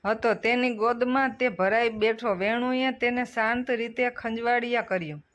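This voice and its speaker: Steady storybook narrator. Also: medium pitch.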